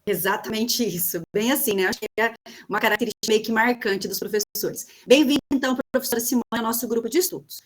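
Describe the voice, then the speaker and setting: A woman's voice: fairly high pitch, quick pace, rough recording. A woman with a Brazilian Portuguese accent hosting an online study group, welcoming participants and often tagging questions. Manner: warm welcoming, many tag questions. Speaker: course facilitator.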